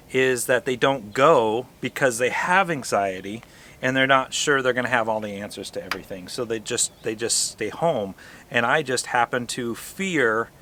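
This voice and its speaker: Guy doing casual vlog talk, mid pitched bright voice, explains stuff by throwing out questions. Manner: explanatory, talks in rhetorical questions. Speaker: RV travel vlog host. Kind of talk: casual unscripted vlog chat.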